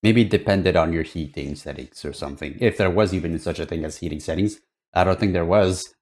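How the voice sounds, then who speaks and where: A man's voice: deep voice, brisk, a little mellow. A man giving casual reaction commentary as a streamer, hesitant and musing aloud as he goes.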